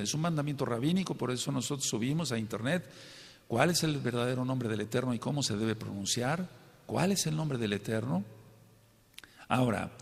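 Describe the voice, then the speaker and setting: A man's voice: medium pitch, slightly rough, long reverb tail. A male preacher teaching a Bible study sermon, emphatic, often asking the congregation to say amen and checking that they follow. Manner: emphatic, asks the congregation for amens and checks understanding.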